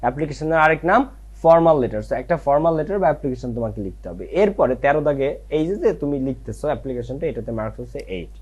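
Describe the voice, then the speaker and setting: Young guy teaching exam prep, rattles along quick, keeps asking if it's clear, mid-pitched voice. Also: lively intonation, darkish tone, muffled recording. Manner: reassuring, checks understanding with repeated tag questions. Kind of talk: online exam-prep lecture.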